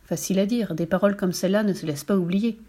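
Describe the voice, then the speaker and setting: Expressive woman reading a story aloud. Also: medium pitch, quick pace, husky. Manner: expressive and lively, with put-on voices for the characters. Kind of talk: storybook reading in the first person.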